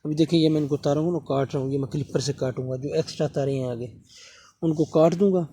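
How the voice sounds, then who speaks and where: A Pakistani electronics repair technician talks through a motor repair at his workbench in a hands-on tutorial, often checking in with viewers and asking them to subscribe. His voice is a little high and dark-toned with fairly even intonation, and he repeats fillers as he works. There's a slight hiss or hum in the recording.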